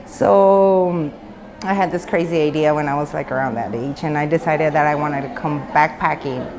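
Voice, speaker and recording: A woman in her thirties, born in Mexico and raised in the United States, gives a candid personal interview inside a women's prison in Mexico. Her voice sits low at a normal speed, and she talks loosely and openly with many fillers and restarts. Background noise is present.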